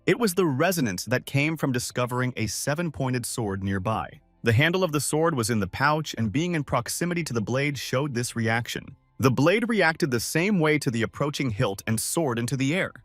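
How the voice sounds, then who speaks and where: A man giving scripted story narration as a recap narrator, in an animated, swooping delivery. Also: mid-range voice, moderate pace, hardly any pauses, no room sound, soft background music.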